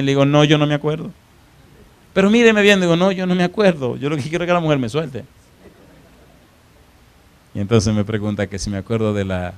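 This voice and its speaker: Speaking in a medium-pitched voice, a man preaches in church through storytelling, alternating dramatically between loud and soft passages and asking the congregation questions.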